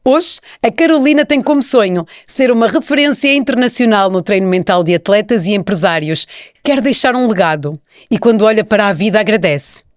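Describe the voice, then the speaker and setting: Female podcast host, European Portuguese accent, measured scripted read, mid-range voice, dry studio. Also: mid-range voice, expressive, no echo. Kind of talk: scripted introduction then casual interview.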